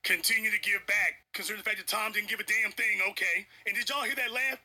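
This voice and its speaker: A man's voice: sits high, fairly even intonation, quick pace, sharp tone. A man giving a confrontational livestream commentary rant, emphatic and preachy, repeating lines for effect. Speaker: online political commentator.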